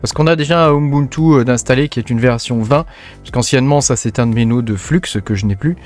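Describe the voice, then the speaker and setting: A man's voice: mid-range voice, a little fast, darkish tone, soft background music. A man from France hosting a casual tech tutorial, talking informally to the viewer with many fillers and tags like "hein". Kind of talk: casual screen-recorded tutorial.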